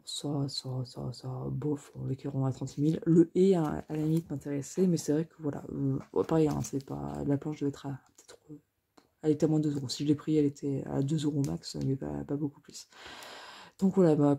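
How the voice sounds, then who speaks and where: A woman rambles casually through a craft-supply haul, full of fillers and self-mocking asides. Her voice is dark and mellow, with a husky, breathy edge. Gravelly fry runs under her words. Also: deep voice. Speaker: crafting vlogger.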